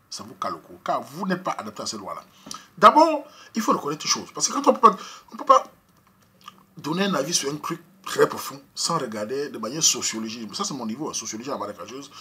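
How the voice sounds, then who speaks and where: A man with a Cameroonian French accent holds forth in a rapid, preachy monologue, hammering his points again and again. His voice is rough and raspy yet sharp and forceful, and it swings widely in pitch as he climbs into emphatic outbursts. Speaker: vlogger giving opinions. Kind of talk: impassioned opinion monologue. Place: Europe.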